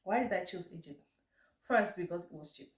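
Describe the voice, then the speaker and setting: A woman's voice: fairly low pitch, lively intonation, moderate pace. A woman vlogger chatting casually to viewers in a rambling, self-correcting way, with a blocked nose that has her breathing through her mouth as she talks. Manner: mouth breathing while talking. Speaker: vlog host. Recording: echoey room, distant mic.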